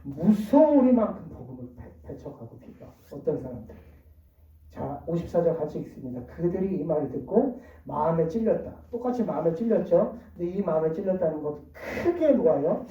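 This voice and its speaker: A preacher giving a lively children's sermon in church, often asking the listeners questions and swinging between loud and soft. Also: medium pitch, a little fast. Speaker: preacher to a children's Sunday school. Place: church hall. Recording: distant, dull, echoey church recording.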